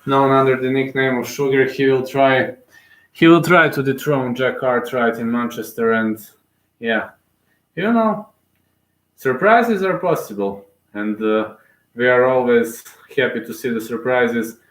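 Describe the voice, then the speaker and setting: A man's voice: medium pitch, a little slow. Rambling man in a roomy space. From Serbia. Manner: rambling, hesitant, repeats himself. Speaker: fight commentator streaming live. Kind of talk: casual live commentary answering chat.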